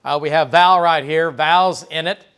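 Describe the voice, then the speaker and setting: A man broadcasting live tornado coverage from a TV weather studio, his voice a touch higher than most men's. He talks through the radar in a loose, conversational way, dropping fillers and quick "okay?" checks. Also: fairly bright tone, clear, resonant tone. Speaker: TV meteorologist.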